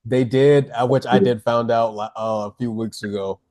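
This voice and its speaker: A man's voice: medium pitch, steady tone, normal speed, dark tone, no room sound, clean studio sound. A man co-hosting a casual podcast chat, enthusiastic and jokey. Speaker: podcast co-host.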